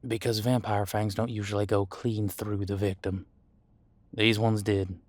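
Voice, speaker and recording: A man plays an easygoing demon homicide detective in an audio roleplay drama, delivering a conversational monologue as he mentors his new partner. His low voice is level and reflective, folksy, casual, and reassuring, with hesitant pauses, captured in a dry recording.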